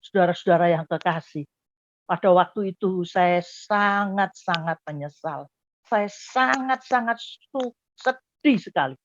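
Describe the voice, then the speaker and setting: A woman's voice: on the low side, unhurried. A woman, giving an emotive testimony to a congregation and addressing listeners directly. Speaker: testimony speaker. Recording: dull dry lo-fi recording.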